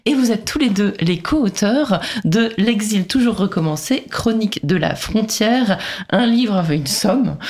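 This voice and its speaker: Hesitant woman radio host, low voice. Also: a little mellow. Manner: hesitant, many fillers and restarts. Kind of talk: radio interview.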